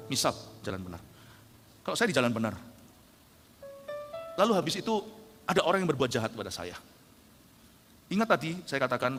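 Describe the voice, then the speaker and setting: A man in his forties, a pastor, preaching a lively storytelling sermon that swings from low asides to shouted punchlines. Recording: reverberant hall with faint music.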